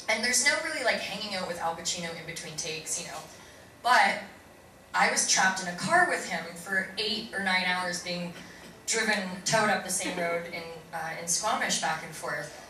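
A woman on a convention panel telling a lively anecdote, acting out quotes and swearing. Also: fairly low pitch, normal speed. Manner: animated storyteller, swears, acts out quotes. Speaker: panel guest actor. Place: large convention hall. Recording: echoey hall from far off, noisy.

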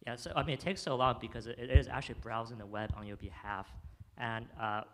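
Holding a mic on a theater stage, a young man walks through a demo of his startup's product before taking audience questions. His voice is medium-pitched, steady, and fairly bright, his pace quick, and his enthusiastic delivery full of fillers and restarts. There is slight background noise.

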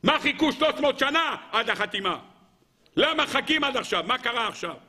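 A rabbi teaches a weekly Torah lesson in a high, bright, keen voice. He fires off rhetorical questions, repeats them and answers them himself. He swings animatedly between raised and lowered tones while calling his listeners gentlemen. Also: animated.

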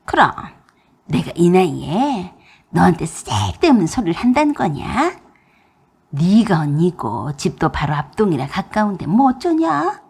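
A bossy old mother-in-law, nagging and contemptuous, in a radio-play story, as a woman narrator puts her on. The voice swings widely in pitch and has a gravelly, husky edge. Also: a little mellow, exaggerated voice. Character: scolding older mother-in-law, bossy and scornful.

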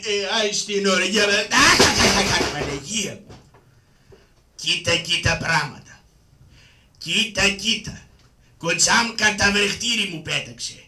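A man voicing Karagiozis, a poor cheeky mocking trickster in traditional shadow puppet theatre, brash and yelling with wailing exclamations. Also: sits high, noisy background, close to an everyday voice. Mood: exasperated. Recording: roomy sound from far off.

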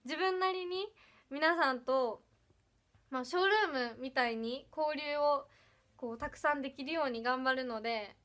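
Reading comments in a casual livestream chat, this young idol from Ehime, Japan, speaks at normal speed in Iyo dialect with some Kansai mixed in. Her high voice is bright, crisp and lively, and she's bubbly and giggly, thanking each viewer in turn.

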